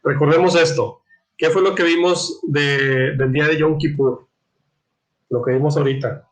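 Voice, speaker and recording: A man teaching a catechism class, reading scripture aloud and explaining it with many restarts, throat clearing and questions to his listeners. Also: a little high, fairly even intonation, low-quality recording. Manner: halting, repeats words, frequent throat clearing, asks "¿verdad?".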